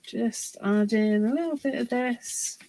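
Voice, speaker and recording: A woman's voice: fairly high pitch, warm tone, slight background noise, low-quality recording. A woman chatting to viewers in a live crafting demonstration, talking as she works. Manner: chatty and unhurried, talks while working.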